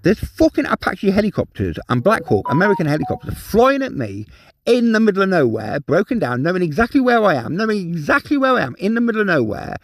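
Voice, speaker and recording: Guy ranting to camera, high swoopy voice all over the place, real dry sound. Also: wildly swooping pitch, fast, dry recording. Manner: ranting, repetitive, swearing, emotional outbursts. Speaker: vlogger. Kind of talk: agitated personal monologue.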